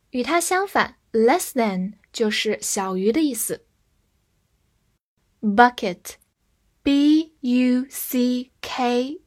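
A woman teaching English vocabulary. She spells each word letter by letter and repeats the example phrases slowly. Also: on the high side. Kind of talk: slow, clear vocabulary lesson.

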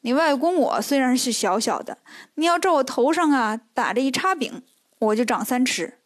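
A brash male monkey king, cheeky and quick to anger, voiced by a woman reading the tale. His voice rides high and impatient, the feisty hero of a storybook. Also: lively intonation.

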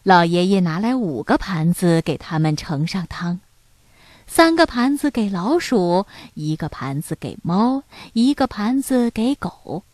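Slow, expressive woman reading a storybook. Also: on the low side, no room sound. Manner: slow, expressive, with sound effects.

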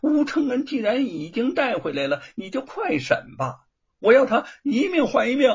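Spoiled young lord demanding revenge, a man playing him, high raspy voice, dull lo-fi recording. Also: huge pitch swings, moderate pace, exaggerated voice. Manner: loud, demanding, pushy. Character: arrogant vengeful young master, man.

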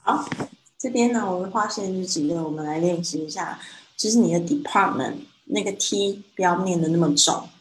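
A Mandarin-speaking woman teaching English pronunciation one-on-one, patiently correcting and modelling words slowly. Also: fairly low pitch, slight background noise, low-quality recording.

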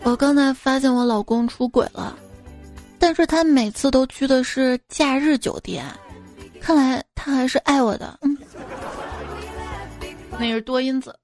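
A woman's voice: high voice, normal speed, over music, a crowd in the background. A woman hosting a radio joke segment, reading one short gag after another and raising her voice for the quoted characters. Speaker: radio host telling jokes.

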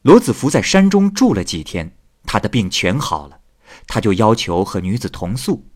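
A man's voice: fairly low pitch, normal speed, breathy edge. A man narrating a classic tale expressively, voicing each figure himself. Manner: expressive, lively, voices every figure. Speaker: storyteller.

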